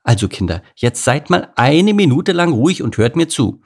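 A man's voice: on the high side, very animated, moderate pace, a little mellow, voice pushed up. A man voicing a bossy but caring lioness mother in an audiobook story. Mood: scolding. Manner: scolding, commanding.

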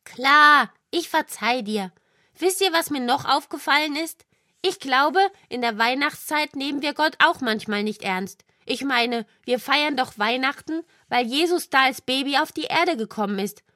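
A woman's voice: sits high, expressive, a little slow, pushed and bright, no room sound, clean studio sound, heavily acted. A woman voicing a hot-tempered young boy worm in a children's audio drama, talking earnestly. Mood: thoughtful.

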